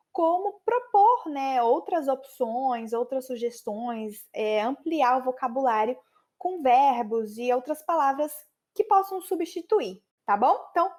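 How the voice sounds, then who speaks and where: A Brazilian woman hosting a podcast English lesson, lively and chatty, slowing down to repeat phrases for practice. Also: high-pitched. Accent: Brazilian Portuguese. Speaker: podcast host and English teacher.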